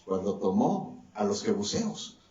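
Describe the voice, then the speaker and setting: Distant echoey pastor preaching. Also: male voice, sing-song, measured pace, mellow. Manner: preaching with swings between raised and lowered voice. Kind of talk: sermon. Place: church hall. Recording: distant echoey church mic, dull sound.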